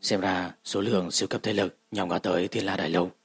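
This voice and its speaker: A man voicing a calm, confident young male martial lord who speaks in a light, offhand way. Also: low voice, fairly quick, slightly rough, no echo.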